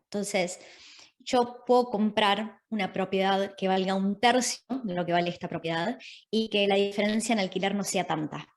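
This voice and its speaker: A woman with an Argentine accent, a guest in a podcast interview, explaining her points in a clear, methodical way and checking in with her listener. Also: medium pitch, fairly even intonation, normal speed. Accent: Argentine Spanish. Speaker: guest, property investment specialist.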